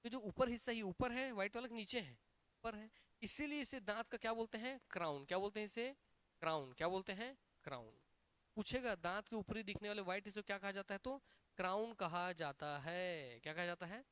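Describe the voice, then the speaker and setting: High, crisp-voiced male teacher drilling answers. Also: fairly quick, no room sound. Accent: Chhattisgarhi Hindi. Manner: drills students with repeated questions and answers; energetic, emphatic. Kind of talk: classroom lecture.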